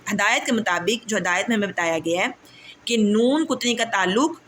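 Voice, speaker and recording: A woman teaching a tajweed lesson, patient, often checking that students understand, and slowly drawing out recited words. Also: mid-range voice, fairly bright tone, a little hiss or hum.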